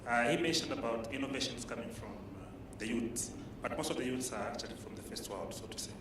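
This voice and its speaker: Halting man in an echoey hall. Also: mid-range voice. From Zambia. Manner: halting, many fillers and restarts, challenging. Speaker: audience member asking a question. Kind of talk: question from the floor. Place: conference hall. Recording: echoey hall from far off, clear background noise.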